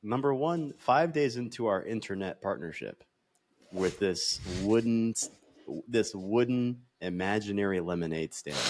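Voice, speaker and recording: A man's voice: deep voice, darkish tone. A man in his twenties co-hosting a podcast, joking loosely and swearing casually. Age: 20s. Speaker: podcast co-host.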